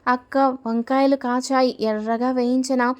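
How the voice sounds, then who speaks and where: A woman voicing an innocent, timid young daughter-in-law who talks in a soft, naive and earnest way. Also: high voice, flat delivery, moderate pace, close to an everyday voice.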